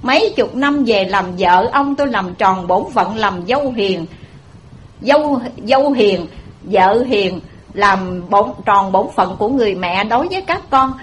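Chị nhại bà vợ ghen khóc lóc kể lể, giọng miền nam, hơi cao. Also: female voice, fairly high pitch, a little hiss or hum, lightly acted. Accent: Southern Vietnamese. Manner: tearful pleading. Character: devoted middle-aged wife, wailing and jealous.

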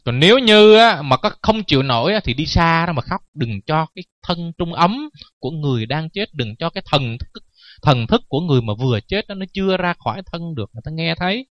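Male Buddhist monk, sermon with humorous anecdotes; light-pitched, dry recording. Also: lively intonation, a little fast, fairly bright tone, dry recording, highs cut off. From Vietnam. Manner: joking, anecdotal, laughs at his own stories. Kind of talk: dharma talk sermon.

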